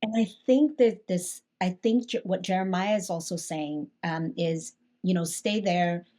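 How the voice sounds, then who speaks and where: A pastor from Hong Kong, a woman with a lowish voice speaking at normal speed, talks through a Bible passage. She sounds reflective and conversational, often restarting her sentences and breaking into animated asides.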